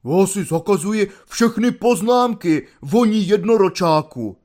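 A man doing a loud blustering corporal. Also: sits high, expressive, voice pushed up. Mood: angry. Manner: gruff, barking, loud. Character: blustering irritable army corporal, petty.

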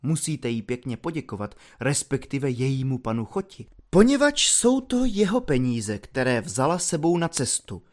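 A man voicing a self-assured army lieutenant who speaks quietly and matter-of-factly. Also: sing-song, hardly any pauses, lightly acted. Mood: dry. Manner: low, quiet and matter-of-fact.

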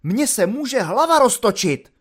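Guy doing a lieutenant losing his temper, yelling up high, berating his soldier, storybook reading. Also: big pitch swings, slightly rough, full character voice. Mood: furious. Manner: shouting, berating. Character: furious army lieutenant, shouting and exasperated. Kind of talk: audiobook reading.

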